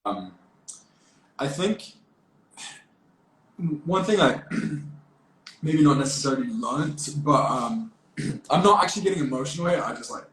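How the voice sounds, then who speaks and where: A man, an actor, chatting playfully on a phone livestream, halting and rambling with frequent restarts. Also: on the high side, animated, fairly bright tone. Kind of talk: casual livestream chat. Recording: echoey room with faint background noise.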